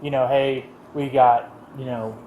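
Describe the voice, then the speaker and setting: Calm reassuring officer, echoey lobby. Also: male voice, medium pitch, measured pace, a little hiss or hum. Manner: calm, reassuring, repeats "right?". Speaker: police officer. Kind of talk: calm de-escalating talk. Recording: body camera in an echoey lobby.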